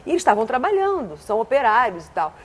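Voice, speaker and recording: A woman guest in a television studio interview, speaking forcefully as she recounts events. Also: fairly high pitch, very animated, fast, husky. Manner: speaks forcefully, gestures a lot.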